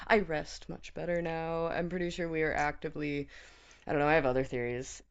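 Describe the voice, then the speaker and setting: A woman chatting casually as a co-host, rambling and halting through her stories with lots of filler words. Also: low-pitched, flat delivery, smooth, highs cut off. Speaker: co-host of a challenge show. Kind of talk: casual chat.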